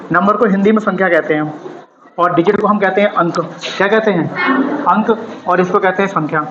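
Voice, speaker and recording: A man teaching a basic maths class, explaining slowly and repeating himself, and asking the class questions that he then answers himself. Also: sits high, a bit bright, a little hiss or hum. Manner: slow and repetitive explaining. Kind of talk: classroom lesson. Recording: echoey room, dull sound.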